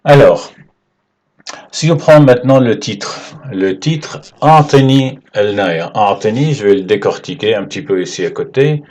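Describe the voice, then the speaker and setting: A man teaching Arabic letters at a whiteboard, explaining slowly and patiently and checking in with his students often. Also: lowish voice, lively intonation, a little mellow. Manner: slow and patient, checks in with "d'accord?". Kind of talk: whiteboard language lesson.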